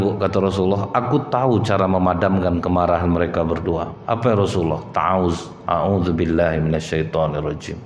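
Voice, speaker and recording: Preacher in an echoing hall. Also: male voice, fairly low pitch, a little hiss or hum. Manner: storytelling, addresses listeners as Pak and Bu. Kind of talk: sermon. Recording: roomy, dull hall recording.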